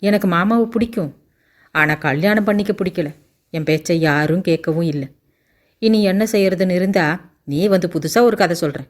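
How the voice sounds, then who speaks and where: A woman voicing a sharp-tongued, quick-tempered 18-year-old village girl in a Tamil audiobook. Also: on the low side, natural voice. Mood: aggrieved. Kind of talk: audiobook character voice.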